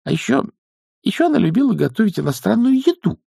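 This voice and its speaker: A timid young witch with a faltering, squeaky voice, pitched far above the reader's own, as a man acts her out. Her speech swoops widely up and down. It sounds close and dry, as if read straight into the mic. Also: very animated, quick pace, vocal fry, dark tone, slightly rough, no echo, full character voice. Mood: pleading.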